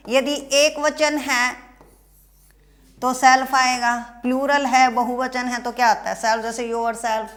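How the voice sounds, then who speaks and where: Haryana Indian woman teacher, bright high voice, unhurried, quizzes the class. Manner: asks students questions and answers them herself, stresses key words. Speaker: English teacher. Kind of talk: classroom grammar lesson.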